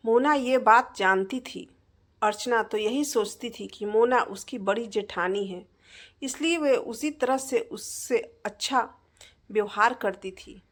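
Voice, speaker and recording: A woman storyteller narrating a scripted family drama in a steady, expressive way. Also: fairly high pitch, slow.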